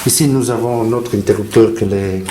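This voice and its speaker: A man from Italy with an Italian accent, speaking halting non-native French as he narrates an informal video tour of a building. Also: fairly low pitch, steady tone, dark tone. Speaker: resident filming a walkthrough of their building. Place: around and inside an apartment building entrance and corridor. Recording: clear background noise, handheld on-location sound.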